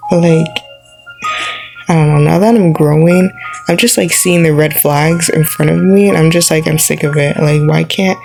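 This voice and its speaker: A woman's voice: low-pitched, gravelly, low-quality recording. A young woman vlogger rambling through an opinionated rant, filling her talk with "like" as she goes. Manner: rambling, opinionated, heavy use of "like".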